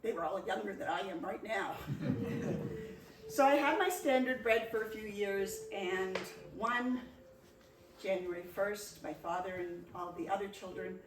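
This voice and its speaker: A woman's voice: mid-range voice, a little slow. A woman in her sixties, originally from Nova Scotia, tells stories at a community meeting in an easygoing, chatty way. She pokes fun at herself as she talks. Her voice carries from a little way off the mic in a roomy, echoing space with faint background noise. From Nova Scotia, Canada. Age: 60s. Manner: chatty, wry and self-deprecating. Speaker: presenter at a local history meeting. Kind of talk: casual reminiscing talk. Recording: echoey room, distant mic, faint noise.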